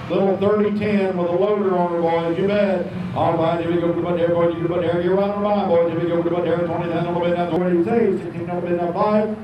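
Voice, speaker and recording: Auctioneer, man, high voice, rapid bid chant, caught from far off with heavy echo. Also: fairly even intonation. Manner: rapid rolling bid calls. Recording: distant echoey dull noisy outdoor capture.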